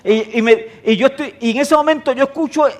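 A man's voice: extremely high pitch, brisk. A middle-aged man preaching a sermon, telling stories with laughter. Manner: animated storytelling, laughing, acting out voices. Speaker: pastor.

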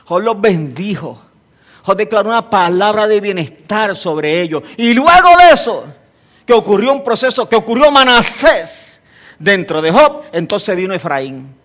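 Man, preacher, sermon, storytelling, emphatic, fairly high voice. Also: unhurried. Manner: animated, storytelling, rising to emphatic peaks.

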